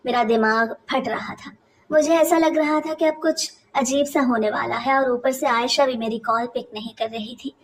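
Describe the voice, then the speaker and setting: A woman narrating a first-person family story in a steady, confiding way. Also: on the high side, far from the mic.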